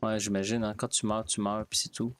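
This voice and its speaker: Rambling streamer. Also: male voice, lowish voice, flat delivery, a little hiss or hum. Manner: rambling, halting, with restarts and fillers. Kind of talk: casual out-of-character chat while gaming.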